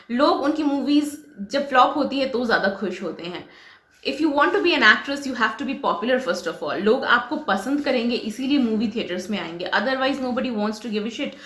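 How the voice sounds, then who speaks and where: A woman from Bengal delivers pointed reaction commentary, switching between Hindi and English. Her voice sits a little high and she presses her points with emphasis. The sound carries a noticeable room echo. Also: lively intonation, unhurried, fairly bright tone. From West Bengal, India.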